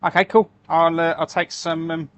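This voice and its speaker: A man's voice: on the high side, level tone, moderate pace, fairly bright tone. A man hosting a live stream, chatting casually and answering viewer comments while he makes fishing lures. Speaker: livestream host making fishing lures.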